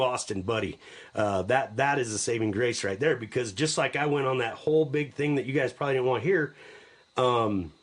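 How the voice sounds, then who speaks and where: A middle-aged man hosting a live podcast, speaking at an ordinary middle pitch. He rambles enthusiastically and repeats words as he talks. His tone is casual and friendly, like a host talking to listeners who have tuned in. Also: husky.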